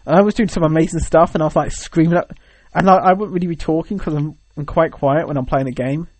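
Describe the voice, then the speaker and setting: A man's voice: fairly high pitch, fairly even intonation, fast. A young British man co-hosting a podcast, chatting casually in a rambling, hesitant, joking way. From Britain. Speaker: podcast co-host. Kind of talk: casual chat.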